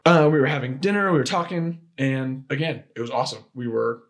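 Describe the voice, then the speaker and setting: A man's voice: medium pitch, lively intonation, fairly quick. A young man, a podcast guest, telling a personal story in casual chat, full of restarts and filler words. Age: young adult. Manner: rambling, with frequent restarts and "like" fillers.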